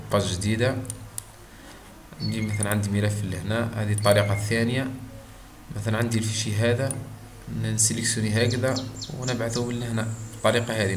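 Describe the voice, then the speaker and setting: A man with an Algerian Arabic accent giving a screen-recorded software tutorial, pausing often on drawn-out fillers and mixing in French terms. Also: medium pitch. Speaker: software instructor. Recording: roomy echo with faint background noise.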